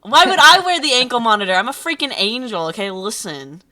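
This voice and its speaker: A woman's voice: fairly high pitch, very animated, brisk, pushed and bright. A young woman hosting a live stream in casual chat, reacting expressively and laughing easily.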